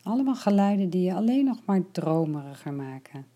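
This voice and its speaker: A woman leading a guided relaxation meditation, speaking slowly and softly, at times in a whisper. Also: lowish voice, sing-song. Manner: slow, soft and soothing, partly whispered.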